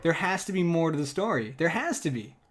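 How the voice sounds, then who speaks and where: A young man co-hosting a podcast, chatting about politics in an excitable way and laughing often. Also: on the high side, fairly quick. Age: young adult. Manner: excitable, laughs often, leans on 'go ahead and'. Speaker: podcast co-host. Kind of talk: casual political chat.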